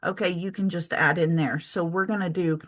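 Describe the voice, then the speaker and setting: A woman's voice: fairly low pitch, steady tone, normal speed. A woman giving a casual spreadsheet tutorial for her travel business, chatty and thinking aloud with lots of ums and self-corrections. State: has the hiccups. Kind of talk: casual screen-share tutorial.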